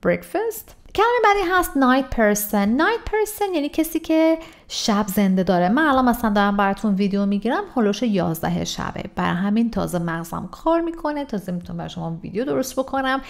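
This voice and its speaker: A woman runs a casual vocabulary lesson from home with a gravelly edge to her voice. She rattles off quick explanations, then slows right down to read each example sentence aloud, carefully and clearly. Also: medium pitch. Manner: lively, switches between Persian explanations and slow, drawn-out English examples. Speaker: English teacher.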